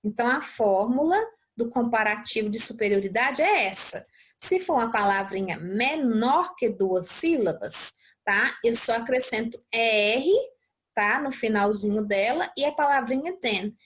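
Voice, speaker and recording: A woman's voice: a little high, expressive, measured pace, fairly bright tone. A young adult Brazilian woman teaching English, explaining a worksheet step by step and often checking in with her students. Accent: Brazilian Portuguese. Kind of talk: recorded lesson walkthrough.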